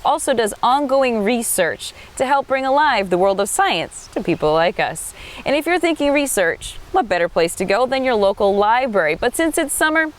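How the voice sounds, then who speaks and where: A woman's voice: a little high, very animated, moderate pace. A woman hosting a local show, presenting in an upbeat, enthusiastic travel show host style.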